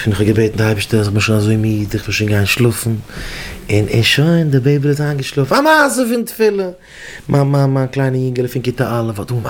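Man giving a halting, repetitive lecture. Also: mid-range voice, slight background noise. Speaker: rabbi teaching educators. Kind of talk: Yiddish-flavored Torah lecture.

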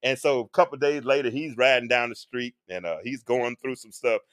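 A man's voice: mid-range voice, a little fast, a bit bright, no room sound, studio quality. A man in his forties hosting a live-stream talk, speaking earnestly like a preacher and now and then singing a phrase. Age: 40s. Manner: earnest, sermon-like, with sung phrases. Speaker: show host being interviewed.

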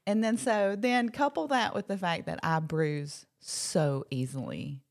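A woman, co-hosting a podcast and telling a story in a casual, animated way, acting out quotes. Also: fairly low pitch, unhurried, gravelly. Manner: animated storyteller, acts out quotes, laughs often. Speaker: podcast co-host.

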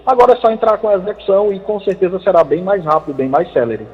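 A man speaks over the phone as a legal expert on a radio show. His voice sits fairly high and comes through a thin, narrow line. There is a long echo trailing behind him, and he explains things in a measured, patient way. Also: darkish tone. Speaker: labor lawyer guest.

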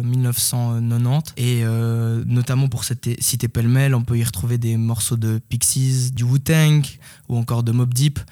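Measured male podcast co-host. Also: mid-range voice, mellow. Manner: measured, lots of filler hesitations. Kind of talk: casual chat.

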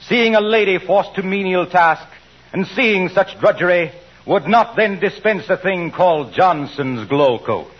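A man's voice: high-pitched, animated, unhurried. A pompous hammy ad man. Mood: declaiming. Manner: theatrical, pompous declaiming. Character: hammy middle-aged male ad man spouting mock Shakespeare. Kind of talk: 1940s radio comedy acting. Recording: dull old radio broadcast with hiss.

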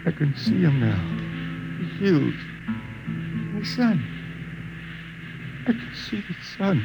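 A man's voice: sits high, big pitch swings, slow pace, creaky, over loud music, full character voice. An actor playing a stubborn old blind spaceman balladeer with a folksy American drawl in a 1950s radio drama. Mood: weary, resigned. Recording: very noisy vintage radio recording.

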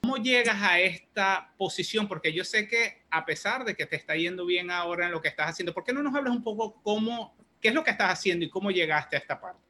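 A man's voice: high voice, expressive, quick pace, few pauses, sharp tone. A man hosting a casual interview, encouraging his guest with short affirmations and open questions. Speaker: interview host.

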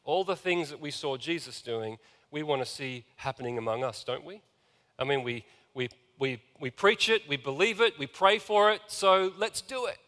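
A man's voice: on the high side, lively intonation, normal speed, sharp tone. A man preaching a sermon as pastor, earnestly reading scripture and calling out to the congregation. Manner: earnest preaching, reads scripture aloud, asks congregation for amens. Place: church sanctuary. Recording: long reverb of a large hall.

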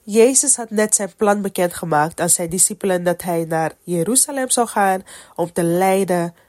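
The clean studio sound has no echo, capturing a woman's lowish, darkish voice at normal speed. Congested from a cold, she hosts her podcast solo, casually reflecting on her personal faith through stories.

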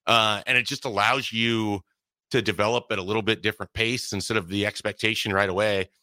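A man talking as a guest reporter on a sports radio show, breaking down football news in fast, detailed, casual talk from the studio. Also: on the low side, steady tone, bright, forceful tone, no echo.

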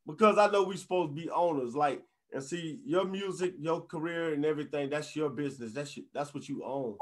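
A man's voice: a little high, fairly quick. A man with an American accent interviewing casually, agreeable and slangy, swearing freely. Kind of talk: casual chat.

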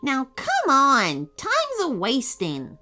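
A woman's voice: sits high, wildly swooping pitch, takes it slowly, sharp tone, faint music behind, voice pushed up, heavily acted. A woman voicing a rude, bossy female burglar in a storybook reading, barking and scornful.

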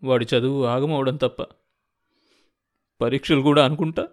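A man's voice: mid-range voice, steady tone, moderate pace, close to an everyday voice. A man voicing a worldly, somewhat impatient man who explains things in a matter-of-fact way. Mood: explaining.

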